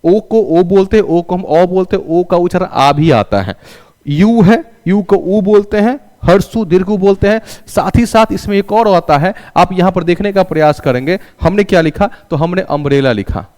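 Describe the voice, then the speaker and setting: A male teacher runs a classroom English lesson in a large hall, posing questions he answers himself, having students repeat after him, and calling them "raja." His voice sits high with a darkish tone, animated, at normal speed.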